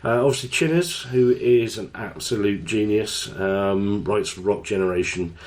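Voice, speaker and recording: Chatty radio DJ, lowish voice. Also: male voice, moderate pace, darkish tone. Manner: chatty, self-deprecating. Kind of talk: casual radio chat. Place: radio studio.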